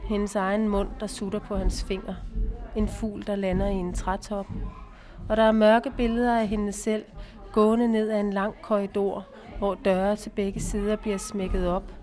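Female audiobook narrator, calm steady delivery, medium pitch. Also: faint music behind.

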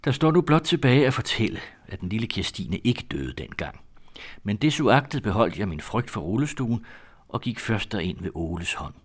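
A man with a low, deep voice reads an old story aloud at an unhurried, measured pace. His delivery is descriptive and steady, as in an audiobook reading. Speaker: narrator.

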